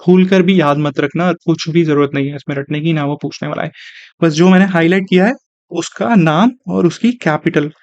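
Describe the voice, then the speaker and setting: A man's voice: a little high, darkish tone, no echo. A young male teacher gives an online exam-prep lecture, mixing Hindi with terms and asking and answering his own questions. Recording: dry, slightly dull recording.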